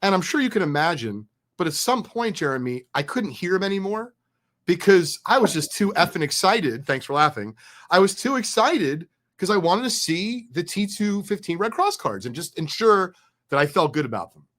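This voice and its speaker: A middle-aged man telling a story in an excited, chatty, candid way as a guest. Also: high voice, moderate pace. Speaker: card collecting business guest. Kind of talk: animated storytelling.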